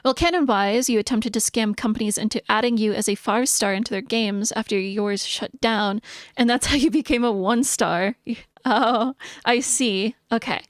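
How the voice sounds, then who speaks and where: A woman's voice: fairly high pitch, moderate pace, no room sound, clean studio sound. A woman live streamer chatting casually and thinking aloud as she reads through notes, sometimes mumbling. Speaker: VTuber streamer.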